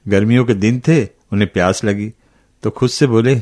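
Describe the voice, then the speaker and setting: An actor playing a kindly old grandfather who tells children a spooky story in a radio lesson, in a slow, dramatic manner. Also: fairly low pitch, a little mellow, natural voice.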